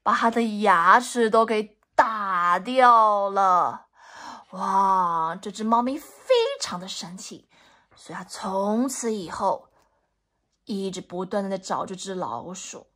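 A mother reading a picture book aloud to her child, animated and teacherly, often asking questions. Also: mid-range voice, takes it slowly.

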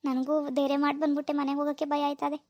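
An actor voices a lovesick young village man in a cartoon, soft and pleading. His voice is very high and quick. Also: completely flat delivery. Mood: nervous. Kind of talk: animated village drama.

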